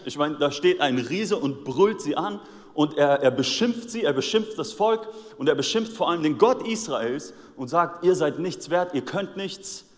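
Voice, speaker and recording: A German-accented male preacher retells a Bible story in a loose, casual sermon, jumping in and out of the characters' voices with slangy asides. His voice sits at an ordinary middle pitch. It rings with the long reverb of a big church hall. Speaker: pastor.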